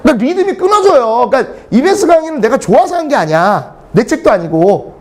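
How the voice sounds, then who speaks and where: A man's voice: very high-pitched, sing-song, quick pace. A middle-aged man teaching English, telling blunt, comic classroom stories and swearing freely for laughs. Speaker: English lecturer. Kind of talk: lively classroom storytelling.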